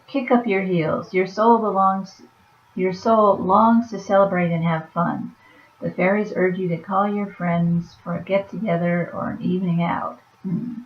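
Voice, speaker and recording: Speaking softly in a low, weak voice that seems to fade away, a woman reads out oracle cards and follows each with a casual remark. Slight background noise sits under the roomy, dull, lo-fi sound.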